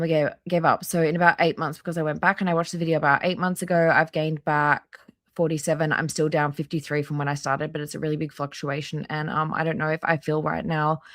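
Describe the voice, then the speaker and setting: Her voice sits low but a bit bright as she reads aloud on a laid-back reaction livestream, dropping casual asides along the way. The recording is clean studio sound with no room tone.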